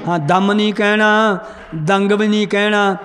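A man's voice: sits high, fairly even intonation, normal speed, big-room sound, music in the background. A man teaching a group how to read and understand scripture, quizzing the class and then answering himself. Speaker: Gurbani grammar teacher.

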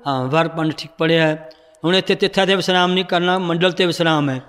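A male religious teacher explains verses and tells stories to his class. His voice is high and smooth, with a resonant clarity. A long reverb rings through the hall around him. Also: fairly even intonation, a little fast, fairly bright tone. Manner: explanatory, storytelling, corrects students' recitation. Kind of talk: scripture lesson with storytelling.

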